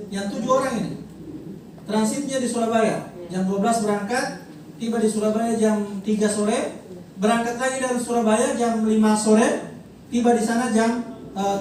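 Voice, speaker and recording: A travel agency director with a North Maluku accent, briefing a group of pilgrims at a send-off event, explaining with many pauses, fillers and repeated details. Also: medium pitch. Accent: North Maluku (Ternate Malay). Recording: very echoey hall, distant mic, crowd behind.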